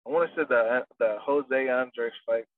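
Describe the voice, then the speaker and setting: At a measured pace and in a mid-range voice, a boxing trainer gives a casual interview, wandering off with fillers and frequent restarts. The recording is free of echo, dry, distant, and phone-like.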